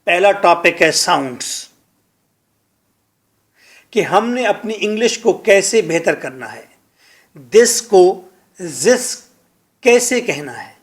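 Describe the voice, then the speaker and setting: High-voiced man teaching spoken English. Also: very animated, a bit bright. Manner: drills words slowly, repeating them for students; mixes English phrases into his lecturing. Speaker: English lecturer.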